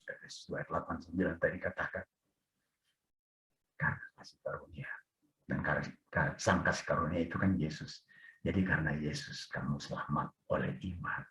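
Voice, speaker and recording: A man preaching a testimony sermon, animated, swinging from loud pleading to near-whisper. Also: sits low. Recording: echoey dull-sounding church recording.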